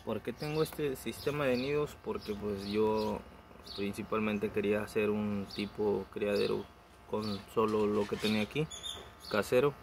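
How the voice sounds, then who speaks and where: A man's voice: lowish voice, unhurried. A man chatting casually in a vlog about raising rabbits, speaking on a phone camera outdoors by his hutches. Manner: chatty and relaxed, coos softly to baby rabbits. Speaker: rabbit breeder vlogger. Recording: noisy outdoor phone recording.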